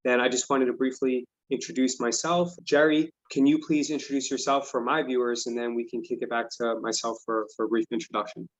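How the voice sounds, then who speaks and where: A man's voice: medium pitch, steady tone, fairly quick, hardly any pauses. A middle-aged man hosting an investing channel, talking in an earnest, reflective way with many fillers. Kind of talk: casual interview chat. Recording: dull lo-fi audio.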